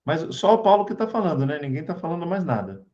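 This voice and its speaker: A Brazilian man gives an informal spiritual talk to a group over a video call, his voice fairly high and full of rises and falls. His tone is mellow and warm, and he keeps checking in with his listeners as he talks. The call audio is dull and lo-fi. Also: big pitch swings, quick pace. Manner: chatty, keeps checking in with tag questions. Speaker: spiritist study group speaker.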